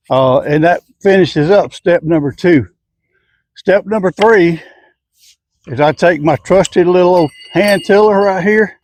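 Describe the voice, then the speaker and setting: A man's voice: a little high, darkish tone, dry recording. An older man, explaining his garden work step by step in a plain-spoken, folksy way while outdoors. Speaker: home gardener. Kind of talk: casual how-to garden vlog.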